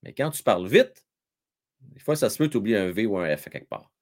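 A man's voice: on the low side, sing-song, a little fast. A man with a Quebec French accent hosting a casual live hockey stream, joking and reading viewers' comments aloud. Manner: chatty, jokey, reads viewer comments aloud, many fillers.

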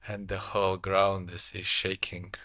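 Man, interviewer, low voice, very slow, halting, dry sound. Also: monotone, pushed and bright, dry recording. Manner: slow, halting, repeats words. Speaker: podcast host. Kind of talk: casual interview.

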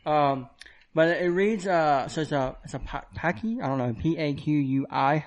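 A young man with a somewhat high voice, co-hosting a small podcast in easy, casual chat. He talks in an excitable, teasing way with plenty of "like" and "um". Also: moderate pace. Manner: excitable, teasing, many fillers. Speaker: podcast co-host.

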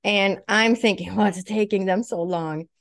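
A woman's voice: medium pitch, a little slow, gravelly. A woman from Sweden telling a personal story in vivid detail, acting out what she thought and what others said. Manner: vivid, acts out quoted thoughts and speech. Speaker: guest.

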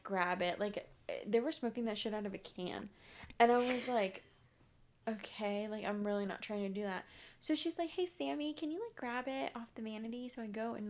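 A young woman vlogger tells a story in casual chat, speaking at medium pitch in an animated way with lots of fillers and swearing.

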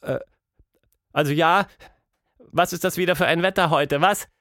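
Male narrator as unsure young girl, raised pitch, dry close sound. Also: steady tone, moderate pace, a bit bright, no room sound. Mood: hesitant. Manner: hesitant, faltering.

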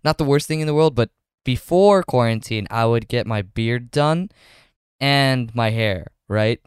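A young man hosting a casual podcast chat, easygoing and a bit rambling. His voice is smooth and resonant at an ordinary pitch, recorded dry and close. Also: a little slow, dry recording. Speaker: podcast host.

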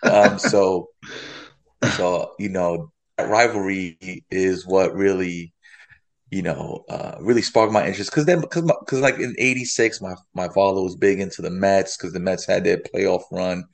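Rambling, low-voiced storyteller man. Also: normal speed, gravelly. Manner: rambling storytelling with many fillers. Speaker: podcast guest, storyteller. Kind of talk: casual podcast chat.

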